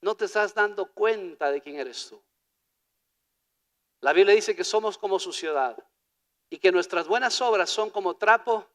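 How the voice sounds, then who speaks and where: High, bright-voiced Ecuadorian preacher man. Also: moderate pace, pauses often. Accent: Ecuadorian Spanish. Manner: preaching with swings from hushed to loud, calling listeners "hermano". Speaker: pastor. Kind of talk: sermon. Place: church. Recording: church hall reverb.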